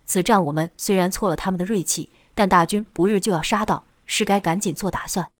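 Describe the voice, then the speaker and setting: A text-to-speech woman's voice playing a male army general, measured and modest. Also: mid-range voice, dry recording, clean studio sound.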